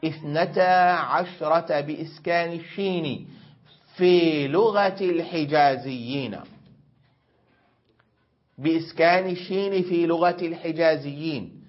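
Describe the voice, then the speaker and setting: A middle-aged man teaching grammar in a slow, measured way, repeating each example and stretching out words. His voice sits a little high for a man. The recording is dull and lo-fi. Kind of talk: classroom grammar lesson.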